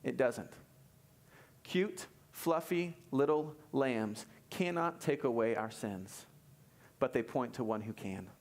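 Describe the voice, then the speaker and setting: A male pastor preaching a sermon, animated, moving between soft and emphatic delivery and repeating key phrases. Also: mid-range voice, slow. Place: church service.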